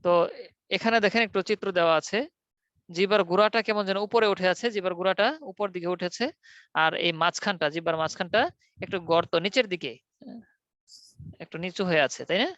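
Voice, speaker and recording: High, smooth-voiced online teacher. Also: male voice, a little fast, pauses often, fairly bright tone, no echo, dull audio. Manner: patient, drills students in call-and-response. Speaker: Quran recitation teacher. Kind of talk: online class on Arabic letter pronunciation. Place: online video class.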